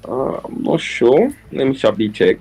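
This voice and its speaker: A man's voice: medium pitch, sing-song, moderate pace, gravelly, over music. A man managing a gaming team, answering in short, confident remarks over a video call.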